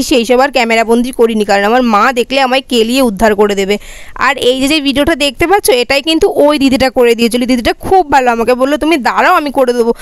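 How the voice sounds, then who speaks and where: A young woman narrates her outing vlog at a fast, chatty clip. Her voice sits high and rings clear and smooth. The recording is dry and close, with no room sound. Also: no room sound. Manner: fast, chatty, says herself she talks quickly. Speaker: vlogger. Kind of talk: casual vlog voice-over narration.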